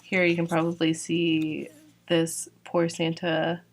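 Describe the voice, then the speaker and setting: In a casual walkthrough of new releases, a young sticker shop owner from Georgia talks slowly in a low, monotone voice that sounds slightly worn. She's chatty, with "like" and "um" scattered throughout.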